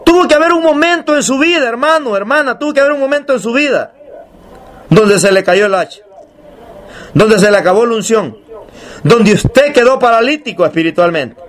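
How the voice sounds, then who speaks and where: Preacher guy, really high voice, repeats stuff for emphasis, slows down to read the bible. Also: expressive. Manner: emphatic, repeats phrases, rhetorical questions. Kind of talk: sermon.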